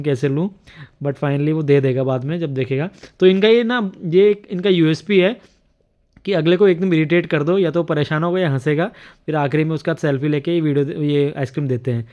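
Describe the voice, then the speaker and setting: A man's voice: a little high, darkish tone, highs cut off. A man narrating a home video in casual voice-over, chuckling often as he comments. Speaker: vlogger narrating a family video.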